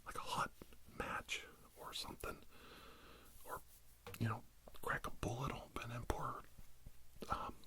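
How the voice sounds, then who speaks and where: In a meandering ASMR tale, a man casts himself as a healing doctor of his own invention, sounding hesitant, deadpan and sincere. He speaks at medium pitch, taking his time and leaving long pauses.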